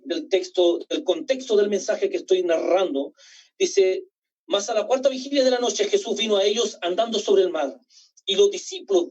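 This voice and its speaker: Woman preacher, lively pitch, husky. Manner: reads and quotes Scripture with dramatic slowed emphasis. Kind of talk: sermon. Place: church hall. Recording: distant, dull lo-fi church recording.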